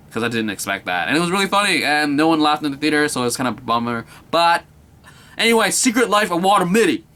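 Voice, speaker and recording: A man's voice: fairly high pitch, bright, forceful tone. A young man giving a casual, enthusiastic movie review, rambling and repeating himself with many filler words.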